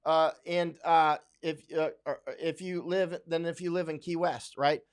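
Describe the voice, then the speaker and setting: Man, from Florida, casual livestream host, slightly high voice, rambling, restarts a lot. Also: level tone, unhurried, smooth. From Central Florida, USA. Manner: rambling, with many fillers and restarts. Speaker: host answering viewer comments. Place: home in Thailand.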